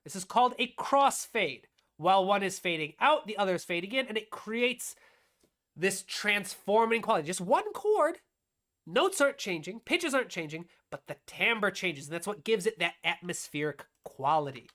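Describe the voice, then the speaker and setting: A woman's voice: medium pitch, big pitch swings, moderate pace, a bit bright. Woman explaining synth sounds step by step. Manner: explanatory, walks through steps as she demonstrates; asks and answers her own questions. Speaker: composer and music teacher. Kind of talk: live-streamed music production tutorial.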